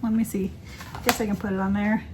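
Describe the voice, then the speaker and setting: A woman's voice: medium pitch, level tone, fast talker, noisy background. A woman in casual chat as a crafting vlogger, rambling and correcting herself with many ums. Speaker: cross-stitch vlogger.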